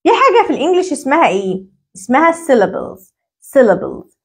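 A woman with an Egyptian Arabic accent teaching parents English syllables, drilling words by repeating them slowly. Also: high-pitched, very animated. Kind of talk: English phonics lesson for parents.

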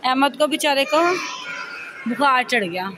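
Holding her phone and speaking from behind the camera, a vlogger walks through the crowded outdoor courtyards and grounds of a large mosque, chatting casually about what she sees. Her voice sits high and sounds animated, her pace a little slow, and visitors fill the noisy background.

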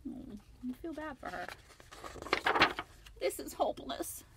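A woman librarian reading a picture book aloud to children, gently asking them questions and laughing often. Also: high-pitched, very animated, a little slow, very noisy. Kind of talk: storytime read-aloud for children.

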